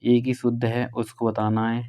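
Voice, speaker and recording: Male exam-prep tutor, northern Indian Hindi, brisk and conversational, smooth mellow voice. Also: mid-range voice, completely flat delivery. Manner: brisk and conversational, drawing out key words. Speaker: teacher. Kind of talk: exam prep lesson going through questions.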